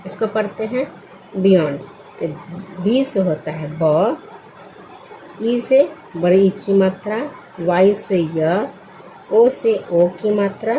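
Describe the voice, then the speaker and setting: A woman's voice: medium pitch, dark tone, a little hiss or hum, rough recording. A woman teaching English spelling word by word, patiently asking questions and answering them herself. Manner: patient, asks and answers her own questions. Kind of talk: slow spelling lesson.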